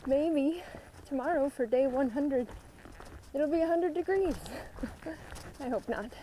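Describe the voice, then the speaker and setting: Out on a hiking trail, a high-voiced woman gives casual vlog narration about her family's hike, taking her time in a mellow way. Her manner is chatty and upbeat, with frequent laughter, and the outdoor recording is noisy.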